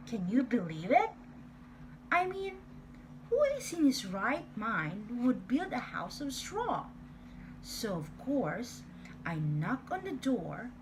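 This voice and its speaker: A woman's voice: on the high side, big pitch swings, slow, slight background noise, rough recording. A woman voicing a sly male wolf who tells his own side of a storybook tale in a playful, exaggerated way. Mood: self-justifying. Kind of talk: storybook reading.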